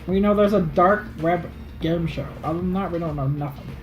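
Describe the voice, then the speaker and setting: A woman's voice: on the low side, fairly quick, lo-fi sound, soft background music. A woman playing a tabletop game, chatting casually in a blunt, sweary, joking way. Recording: clear background noise.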